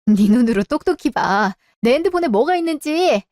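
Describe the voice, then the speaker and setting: A woman acting in a radio drama, confronting in a sharp, cold way. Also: high-pitched, expressive, normal speed, no echo, clean studio sound. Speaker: voice actor.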